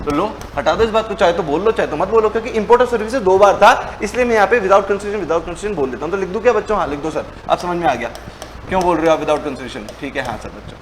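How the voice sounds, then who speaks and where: A man's voice: sits high, expressive, fast talker, slight background noise, rough recording. A young man teaching a tax revision lecture. He explains in a chatty way and acts out both his own lines and his students' questions. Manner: playful teasing of students. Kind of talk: online exam revision lecture.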